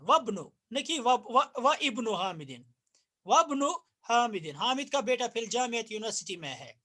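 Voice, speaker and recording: A man's voice: high voice, fairly bright tone. Man, kashmiri accent, urdu native, arabic teacher, patient, repeats each phrase, middle-aged. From India. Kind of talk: recorded grammar lesson.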